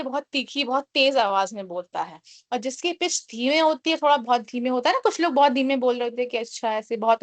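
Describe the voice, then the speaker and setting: A woman with a fairly high voice teaches a communication class. She explains in Hindi, slows down to read English definitions and keeps asking the class rhetorical questions. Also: fairly bright tone. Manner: explains in Hindi, reads English lines slowly. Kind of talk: online class lecture.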